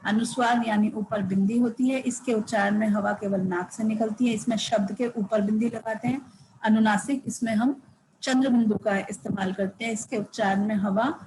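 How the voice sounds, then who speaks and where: Female school teacher, patient repetitive grammar lesson, mid pitch, slight background noise. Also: steady tone, darkish tone, poor audio. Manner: slow, repetitive explanation, drawing out example words.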